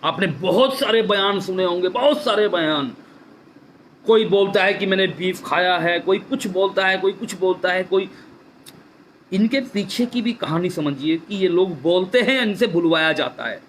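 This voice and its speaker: A man's voice: high-pitched, expressive, normal speed, a bit bright, a little hiss or hum. A man giving an impassioned address to viewers on a live stream, repeating his key phrases for emphasis. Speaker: political speaker on a social media live stream.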